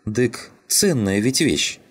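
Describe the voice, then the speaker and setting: A man's voice: medium pitch, expressive, takes it slowly, slightly rough, pitched above the performer's own voice. A man voicing a dim-witted, cheerful male scavenger who talks in a folksy, slangy drawl. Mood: simple, pleased.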